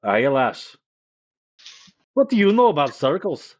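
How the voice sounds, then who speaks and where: A man voicing a gruff male camp storyteller with a put-on Scottish accent and a folksy, teasing way of talking. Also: fairly high pitch, big pitch swings, a little slow, muffled recording, voice pushed up. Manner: folksy, rough-spoken, teasing.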